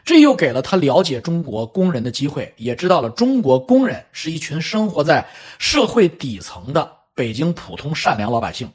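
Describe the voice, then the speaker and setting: Husky, animated middle-aged storyteller man. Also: on the high side, moderate pace, hardly any pauses. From China. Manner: animated, chatty, with spoken asides. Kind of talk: casual storytelling commentary.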